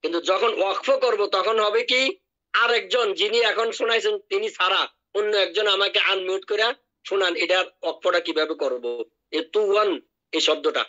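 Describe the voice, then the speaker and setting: High, bright-voiced male Quran teacher. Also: lo-fi sound. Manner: drills words by repeating them slowly. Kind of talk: online tajweed lesson.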